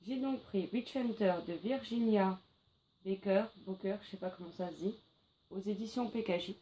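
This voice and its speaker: A French woman talks casually to her viewers about her reading plans, her voice mellow and soft-edged. She chats along, pausing on fillers and correcting herself now and then, with a faint hum of room noise behind her. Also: mid-range voice, rough recording. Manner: chatty, with frequent fillers and self-corrections. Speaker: book vlogger. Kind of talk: casual spoken video presentation.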